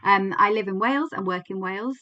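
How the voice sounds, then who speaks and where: A clinical psychologist in her twenties from England gives a candid, reflective teaching talk to camera, full of fillers and restarts. Her mid-range voice is bright and forceful, moving a little fast. The sound is lo-fi.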